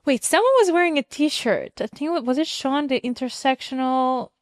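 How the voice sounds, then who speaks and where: A woman's voice: high voice, brisk, dry recording. Chatty woman podcast host, dry sound. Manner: enthusiastic, chatty, heavy use of "like". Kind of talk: podcast interview. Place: podcast recording before a live audience.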